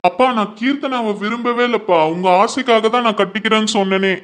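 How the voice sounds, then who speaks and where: A man acts out a defiant young son with a fairly high voice. He speaks bluntly and scolds his elders in a family drama scene. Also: a little fast, a bit bright. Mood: earnest. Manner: confrontational, scolding.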